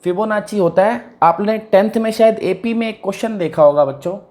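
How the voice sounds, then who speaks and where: A man's voice: high-pitched, a little fast, a little mellow. A man teaching a math lesson in a casual, conversational way, often asking students whether they follow. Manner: conversational, repeats questions to check understanding.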